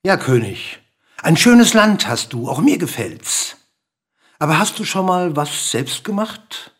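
Man voicing a hoarse, pushy little bird. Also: a little high, big pitch swings, slow pace, pitched above the performer's own voice, heavily acted. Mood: coaxing, lecturing. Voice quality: hoarse, hissing. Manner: insistent, lecturing, bossy. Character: small grey pushy hissing bird. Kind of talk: storybook reading.

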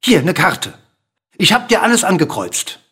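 A man voicing a small grey bird in a storybook reading, with a hoarse, hissing, bossy manner. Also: sits high, very animated, normal speed, bright, forceful tone, pitched above the performer's own voice, exaggerated voice. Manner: insistent, lecturing, bossy.

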